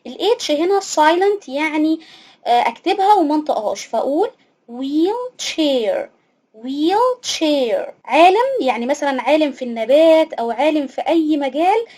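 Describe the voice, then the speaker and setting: A young woman with an Egyptian Arabic accent and a high voice gives a children's English lesson. She says each new word slowly and repeats it several times before moving on. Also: expressive, dark tone. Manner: repeats words slowly, drawing them out. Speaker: English teacher.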